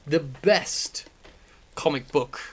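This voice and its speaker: A fairly high-voiced man co-hosting a casual podcast. He talks in an animated, jokey way, swears freely and often trails off mid-thought. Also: extremely slow. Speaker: podcast co-host. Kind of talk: casual chat.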